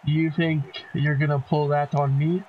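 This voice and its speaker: Excitable man with a Québécois accent. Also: on the high side, measured pace, dull audio. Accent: Québécois French. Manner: excitable, mixes French and English exclamations. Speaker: gamer. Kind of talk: casual gameplay commentary.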